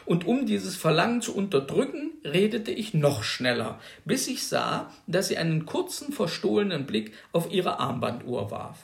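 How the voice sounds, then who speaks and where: Gravelly, animated male storyteller. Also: high voice, normal speed, hardly any pauses, reverberant. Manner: animated first-person storytelling. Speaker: reader. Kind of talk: literary reading.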